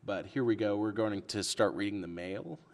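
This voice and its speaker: A man's voice: on the low side, moderate pace, darkish tone. A man co-hosting a casual podcast, reading old comic letters aloud and joking, laughing and swearing often. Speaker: podcast co-host. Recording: long hall reverb.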